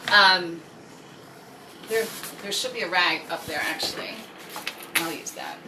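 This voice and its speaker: A lowish, measured female voice belongs to an American host of a casual live story-time stream. English is her first language, and she rambles with jokes and reads aloud. Her mic is distant, the room echoes and there is faint noise.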